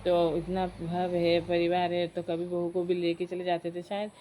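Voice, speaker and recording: A woman's voice: lowish voice, unhurried, slight background noise, low-quality recording. A woman, chattily telling a family story to her viewers. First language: Sylheti Bengali. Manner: chatty, addresses friends, animated retelling. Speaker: vlogger. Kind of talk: casual storytelling.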